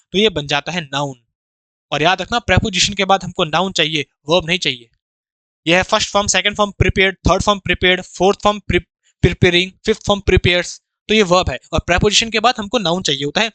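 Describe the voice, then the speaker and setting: A man teaching an exam-prep grammar lesson with an Indian accent, energetic and chatty, calling students "bhai". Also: high-pitched, no room sound.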